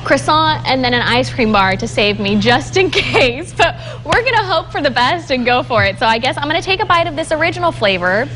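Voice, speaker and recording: A woman's voice: sits high, lively intonation, brisk, few pauses, a bit bright, soft background music. A woman hosting an upbeat TV interview in a studio, chatty and playful. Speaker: TV host.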